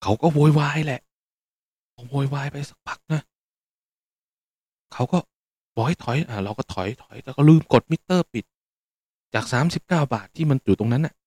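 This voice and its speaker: An old taxi driver grumbles on and on about how unfairly he has been treated, as a man acts him out. The voice sits higher than the storyteller's own and keeps a dark, mellow tone. It is dry, with little room around it. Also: animated, moderate pace, long pauses, dry recording, natural voice. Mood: aggrieved. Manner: complaining, self-pitying rambling. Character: aggrieved older male taxi driver in his sixties.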